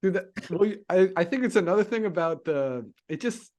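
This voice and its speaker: A man's voice: high voice, lively intonation, brisk, a little mellow. A man co-hosting a podcast, sounding skeptical in casual chat. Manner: skeptical, laughs easily. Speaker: podcast co-host.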